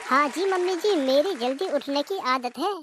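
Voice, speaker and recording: A woman's voice: sits high, expressive, moderate pace, a crowd in the background, noisy background. A woman voicing a sweet, eager younger daughter-in-law in a cartoon comedy, speaking very politely. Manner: polite, sugary.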